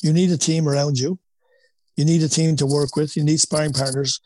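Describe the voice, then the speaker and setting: Irish guy w/ wexford accent, slightly high voice, coach chatting in an interview, says you know a lot, dry sound. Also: fairly even intonation, a little fast, a little mellow, no room sound, poor audio. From Wexford, Ireland. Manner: peppers talk with "you know", emphatic repetition. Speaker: boxing coach, former boxer. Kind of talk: conversational interview answers, anecdotal.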